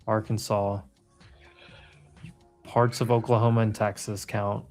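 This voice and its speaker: A man's voice: on the low side, flat delivery, a little slow, darkish tone. A man hosting a live trading stream, joking and opinionated as he teases the others. He is from New England, and faint music plays under his voice.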